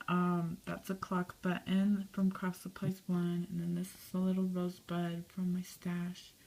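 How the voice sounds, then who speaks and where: A woman narrating a craft video, listing the materials on her art piece in a soft, chatty way and often dropping to a whisper. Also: lowish voice, low-quality recording. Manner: soft, chatty, lots of "um" and "and then". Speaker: craft vlogger. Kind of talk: casual show-and-tell narration.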